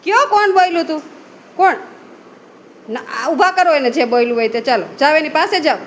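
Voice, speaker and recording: Very high-voiced woman coaching kids. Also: lively intonation, a little hiss or hum. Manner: brisk, repetitive commands and praise. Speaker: teacher leading a children's game. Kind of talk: giving instructions to children.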